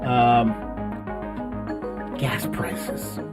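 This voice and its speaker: A middle-aged man hosts a casual livestream from a home studio, chatting with viewers in animated, colloquial, salty street-talk phrasing into a close broadcast mic on a boom arm. His mid-range voice moves extremely slowly over loud music.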